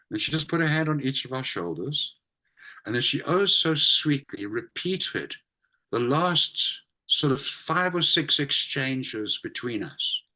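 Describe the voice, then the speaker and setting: A man who teaches spiritual practice tells a personal story in conversation. His voice is bright and ringing at a middling pitch. He tells the anecdote with vivid, expressive emphasis. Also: low-quality recording.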